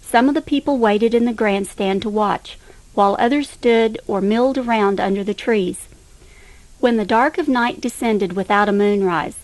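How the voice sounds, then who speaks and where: A woman reading a nostalgic memoir aloud as a narrator, in a steady, unhurried storytelling manner. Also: mid-range voice, no room sound, rough recording.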